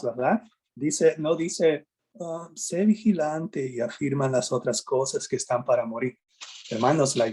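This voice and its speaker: A man's voice: fairly high pitch, a little mellow, slightly rough. A man preaching a sermon in a church, earnest and emphatic, often asking rhetorical questions and restarting his phrases. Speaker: pastor. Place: church sanctuary.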